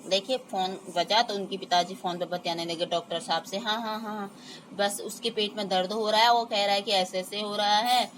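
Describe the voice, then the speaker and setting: A woman's voice: mid-range voice, steady tone, a little fast, a bit bright, slight background noise, low-quality recording. A woman teacher reads a textbook play aloud, speaks the characters' lines in their voices and then retells them in simple words. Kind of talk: reading and explaining a textbook play.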